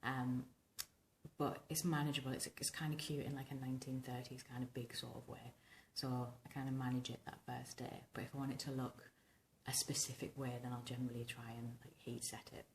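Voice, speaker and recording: A vintage hairstyling vlogger recovering from tonsillitis talks in an extremely deep, husky, smoky voice that rumbles and rasps. She rambles briskly and informally through a casual tutorial to camera, with little pitch movement. The rough recording from her small home bedroom is echoey, with clear background noise.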